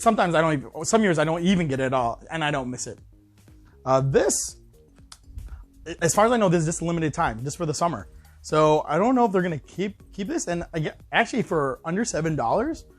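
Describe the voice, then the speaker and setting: A man casually reviewing a fast-food sandwich in a vlog, rambling with lots of fillers and restarts, sometimes talking with his mouth full. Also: fairly high pitch. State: talking while chewing.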